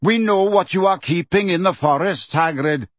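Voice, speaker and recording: A man voicing a proud male centaur leader who speaks in a measured, smooth, stern way. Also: high voice, fairly bright tone, no room sound, pitched above the performer's own voice.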